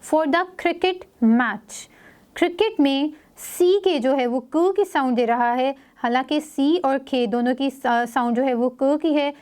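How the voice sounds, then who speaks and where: A woman teaching phonics to young children, reading English example sentences slowly and explaining each sound in Hindi-Urdu. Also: high voice, darkish tone.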